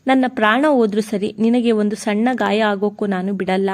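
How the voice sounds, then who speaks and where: A woman's voice: medium pitch, level tone, moderate pace, lightly acted. A woman voicing a loving young husband in a storybook tale, speaking in a soothing, reassuring way.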